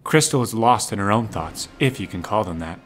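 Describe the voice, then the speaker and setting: This is a fairly low-voiced man narrating a scripted drama, laying out events in the present tense over quiet background music. His reading is expressive and brisk, with a slightly bright quality.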